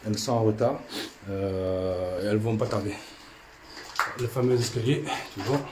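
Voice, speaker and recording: A middle-aged man filming his own paranormal investigation inside an old house on a handheld camera, talking in a halting way with many restarts. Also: on the low side, background noise. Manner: hesitant, repeats himself often. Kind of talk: casual vlog narration.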